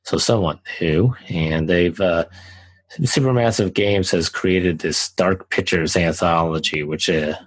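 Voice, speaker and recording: A man's voice: deep voice, measured pace, no echo, poor audio. A young man co-hosting a podcast, chatting loosely about a game he played, with fillers and restarts. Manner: relaxed, rambling with fillers and restarts. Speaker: podcast co-host. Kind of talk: casual game review chat.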